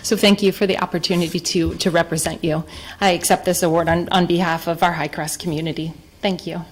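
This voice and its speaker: A woman in her forties speaks at a podium microphone in a council chamber, accepting an award with emotional sincerity. Her voice sits a little low, and her delivery is earnest and heartfelt, stopping often for a soft "um". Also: flat delivery, a little fast, very noisy. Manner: warm, emotional, earnest, with frequent um fillers. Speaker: elementary school educator accepting an award. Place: town hall council chambers.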